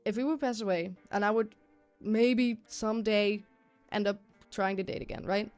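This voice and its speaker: A woman's voice: mid-range voice, steady tone, moderate pace, a little mellow, clear, resonant tone. A woman chatting casually on a livestream, rambling and repeating herself in an informal, sweary way. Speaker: live streamer. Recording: music playing behind the voice. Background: music.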